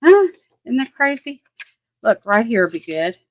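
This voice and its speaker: A woman's voice: a little high, very animated, normal speed, no room sound, dull audio. Chatty woman crafting and chatting. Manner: chatty, rambling, thinks aloud, laughs often, reads and answers comments. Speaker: crafting livestream host. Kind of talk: casual crafting chat.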